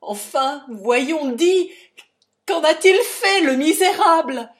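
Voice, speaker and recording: A woman's voice: medium pitch, takes it slowly, lightly acted. A woman voicing a desperate, anguished man who pleads and rails in a dramatic audiobook reading. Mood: shouting. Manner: pleading, urgent, breaking into shouts.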